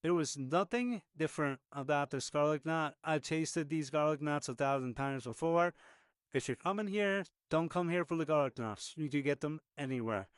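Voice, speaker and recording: A man's voice: fairly high pitch, normal speed, smooth, dry recording, clean studio sound. A man telling how a meal went in casual, conversational voice-over, chatting with plenty of fillers. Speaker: food reviewer. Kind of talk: casual voice-over narration over footage.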